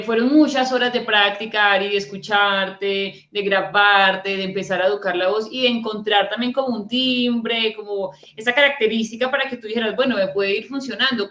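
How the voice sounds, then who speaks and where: A woman hosts a casual interview and keeps the chat moving with agreeing remarks and follow-up questions. Her voice is fairly high. The recording is roomy, with a dull, muffled tone. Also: fairly bright tone. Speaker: talk host. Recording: dull echoey room sound.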